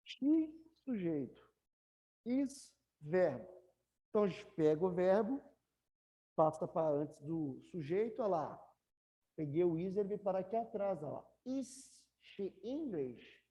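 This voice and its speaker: A woman's voice: lowish voice, dark tone, muffled recording. Patient Brazilian woman teaching English. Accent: Brazilian Portuguese. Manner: patient, repeats questions to students. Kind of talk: online class explanation.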